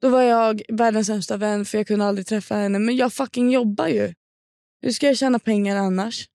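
A woman's voice: medium pitch, fairly even intonation, warm tone, dry recording, clean studio sound. A young woman from Sweden telling a long story in casual podcast chat, slangy and swearing. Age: young adult. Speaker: podcast co-host.

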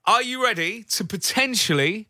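Radio host guy, upbeat phone-in, super bright highish voice, dry studio sound. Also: expressive, moderate pace, no echo. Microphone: close, dry studio microphone.

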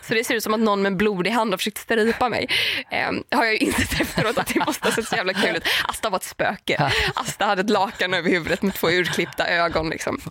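A young woman casually telling a story on a podcast, lively, with many fillers and acted-out quotes. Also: mid-range voice, hardly any pauses, no echo.

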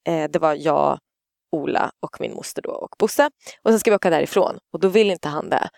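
A woman telling a family story in casual chat, animated and swearing freely, acting out the shouts of the scene. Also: deep voice, creaky, no echo, studio quality.

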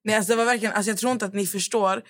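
A woman's voice: mid-range voice, dry recording, clean studio sound. A woman with a Swedish accent, a podcast host telling stories in casual chat and acting out what people said. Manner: animated storyteller acting out quotes.

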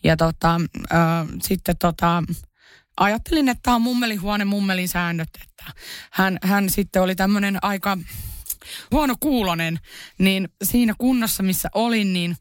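A woman chats casually as a podcast co-host, joking about herself and leaning on fillers. Her voice is smooth and resonant. The sound is dry and close. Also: mid-range voice, dry recording. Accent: Finnish. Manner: chatty, self-mocking, many fillers. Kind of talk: casual chat.

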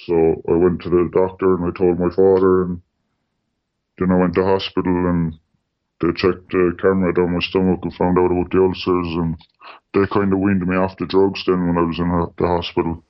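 Brisk and monotone, the man sounds plain and matter-of-fact as an anonymous radio guest, often dropping "like" and "you know." A voice-disguising distortion filter renders him deep, and the audio comes across dull and lo-fi.

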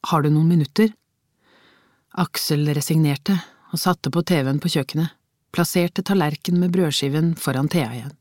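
A reader narrating a crime novel as an audiobook, in measured storytelling with tense inner questions. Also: medium pitch, a little mellow, no echo, studio quality.

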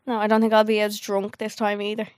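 A woman's voice: mid-range voice, monotone, fast, a little mellow, smooth, no room sound, studio quality. A young Irish woman co-hosting a podcast, talking in a chatty, gossipy way with a slight lisp. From Ireland. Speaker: podcast co-host. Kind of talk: casual chat.

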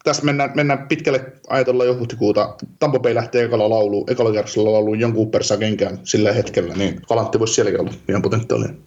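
A man's voice: fairly low pitch, fairly even intonation, few pauses, a little mellow. A man co-hosting a casual podcast chat, rambling and thinking aloud with lots of fillers. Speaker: podcast co-host. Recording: dull lo-fi sound.

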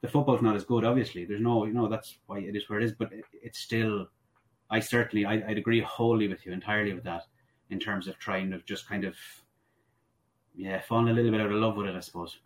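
A man from the west of Ireland with the accent to match and a fairly low voice. He talks in a casual discussion style, hesitating and rewording his thoughts as he rambles along. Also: steady tone, fast talker. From Sligo, west of Ireland. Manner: hesitant, rambling, self-correcting.

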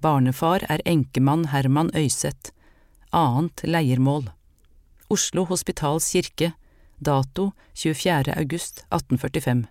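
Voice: mid-range voice, a little mellow, dry recording. Audiobook narrator, dry and close. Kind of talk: scripted narration.

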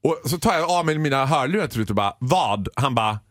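A man in his thirties chats on a radio show, his voice swooping widely as he acts out every character in his anecdotes. He sits a little high in pitch, and the studio sound is close and dry. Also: no echo. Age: 30s. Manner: animated storyteller, acts out dialogue. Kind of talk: casual radio banter.

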